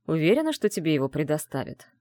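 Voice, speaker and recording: A man voicing an arrogant male mage mentor who taunts in a calm, low, mocking tone, in an audiobook. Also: fast, dry recording, clean studio sound. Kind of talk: audiobook dialogue reading.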